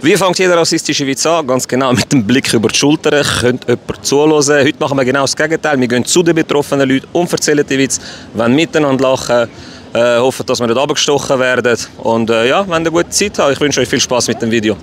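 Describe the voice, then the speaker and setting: A man's voice: mid-range voice, fast talker, slight background noise. A man hosting street comedy, cheeky and laughing at his own jokes, outdoors in a city. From Switzerland. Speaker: comedian host.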